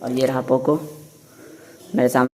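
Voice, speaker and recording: A man's voice: mid-range voice, flat delivery, moderate pace, very noisy. Young man vlogging with his dog. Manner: chatty, repeats words when calling his dog. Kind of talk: casual vlog narration. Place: outdoors on wet streets and at home.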